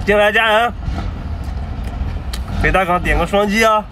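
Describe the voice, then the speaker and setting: A man streaming an eating show, talking slowly with his mouth full and asking viewers for likes. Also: high voice, bright, forceful tone, a little hiss or hum. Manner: drawn-out, slow delivery begging viewers for likes. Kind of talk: casual livestream chat to viewers.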